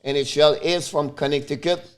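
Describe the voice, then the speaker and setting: A Montreal man whose first language is French hosts a casual live stream in Quebec-accented English, calling the game and chatting directly with viewers. His voice is on the high side with fairly even intonation at a moderate pace, broken by loud, sudden outbursts.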